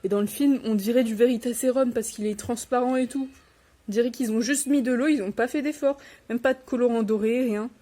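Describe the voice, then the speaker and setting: Mellow-voiced young French-speaking woman vlogging. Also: on the high side, steady tone, a little fast. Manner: rambling, self-deprecating, chatty. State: a little sick. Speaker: book unboxing vlogger. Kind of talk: casual chat.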